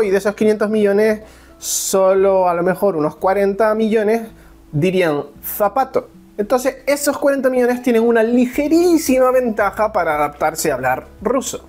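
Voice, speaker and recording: A man from Spain, talking casually to camera as a vlogger, animated and jokey with big swings in his voice. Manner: animated, with big pitch swings and joking asides. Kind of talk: casual explanatory vlog.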